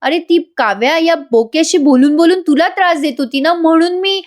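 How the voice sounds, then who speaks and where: A woman's voice: very high-pitched, fairly quick, voice pushed up. A woman reading as a childish, defensive young woman. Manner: defensive, whiny.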